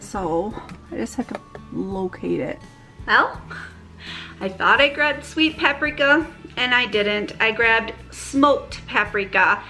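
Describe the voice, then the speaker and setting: A woman narrating a casual shopping and cooking vlog in a chatty, upbeat way, thinking aloud as she goes. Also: a little high. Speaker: home cook and shopping vlogger.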